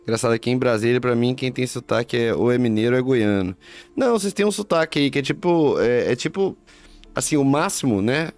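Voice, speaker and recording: Here a man's mid-range, slightly mellow voice moves a little fast as he chats loosely and slangily over a game stream. He's from Minas Gerais, Brazil, and his Portuguese carries that state's accent. Faint game music can be heard underneath.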